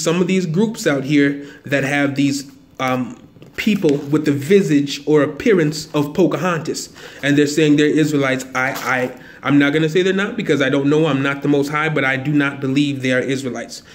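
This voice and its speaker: A man speaks to his viewers in a casual solo video monologue, his voice sitting a little higher than most men's. He talks earnestly and with emphasis, often stopping to rephrase and soften what he has just said. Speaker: video blogger.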